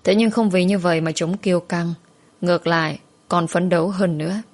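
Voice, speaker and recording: A woman telling a story in steady, scripted narration. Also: fairly low pitch, moderate pace.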